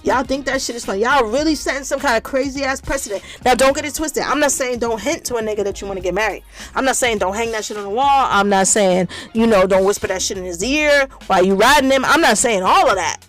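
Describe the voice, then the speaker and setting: A woman's voice: a little high, fast, a bit bright, faint music behind. A woman hosting her own podcast, ranting bluntly in a casual monologue, full of profanity and repeating her points for emphasis. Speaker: podcast host.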